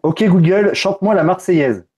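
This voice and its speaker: A man's voice: high voice, moderate pace, mellow, breathy edge. A man hosting a casual live unboxing stream, loose and joking, swearing casually. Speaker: tech streamer.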